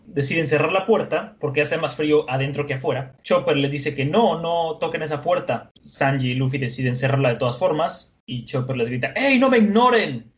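A man casually retelling a comic chapter, lively, slangy, and laughing easily. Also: mid-range voice. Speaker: podcast co-host.

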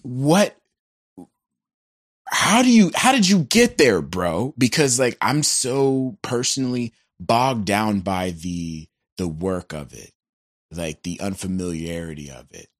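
A man's voice: fairly low pitch, expressive, takes it slowly, no echo, clean studio sound. A man who is a guest musician, talking in an earnest, searching way on a podcast, casual with "bro" and "like".

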